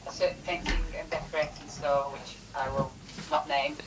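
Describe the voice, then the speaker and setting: A woman calling in by phone, heard over a loudspeaker, chatting casually and telling anecdotes. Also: low-pitched, very animated, normal speed, vocal fry, over music, low-quality recording. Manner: chatty, laughing, tells anecdotes. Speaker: caller, a host's wife. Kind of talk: casual chat.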